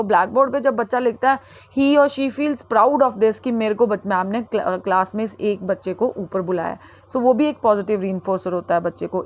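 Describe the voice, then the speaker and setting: Lady teacher explaining stuff in a lecture, lots of uh and sorry, hindi english mix, mid pitch. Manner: mixes Hindi and English, frequent fillers and self-corrections. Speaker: teacher educator.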